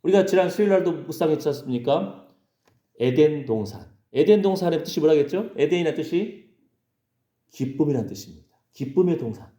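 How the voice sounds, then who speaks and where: A man's voice: a little high, animated, brisk, warm tone, roomy sound. A male pastor preaching a sermon in a conversational way, often checking in with the congregation. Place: church sanctuary.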